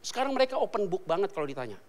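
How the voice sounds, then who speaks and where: A man preaching a casual, joking sermon as pastor, talking in slang and swinging between hushed asides and loud exclamations. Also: high voice, sing-song, rapid-fire.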